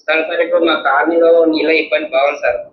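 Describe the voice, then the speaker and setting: On a muffled phone line full of echo and noise, a caller with a Telangana Telugu accent respectfully presses a local complaint, frequently using "sir." He talks very fast in a fairly even, somewhat high voice.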